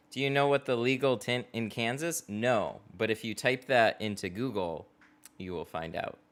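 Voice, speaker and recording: A man's voice: mid-range voice, unhurried, pauses often. A man hosting a casual livestream from a tint shop garage, chatting, laughing often and answering viewer questions as he works. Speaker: window tint installer and livestream host. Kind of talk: casual livestream chat while working.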